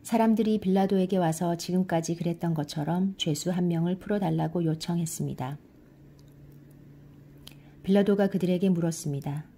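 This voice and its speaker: A middle-aged woman reads scripture aloud in a calm, measured way. Her voice sits low and mellow, and quoted lines come out a little louder. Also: a little hiss or hum. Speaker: Bible reader.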